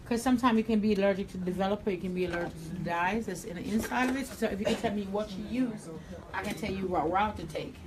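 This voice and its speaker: With a crowd audible behind her, a Jamaican-accented woman teaches a live haircutting tutorial in a salon as a stylist and educator. Her medium-pitched voice comes fast, and her manner is blunt and to the point.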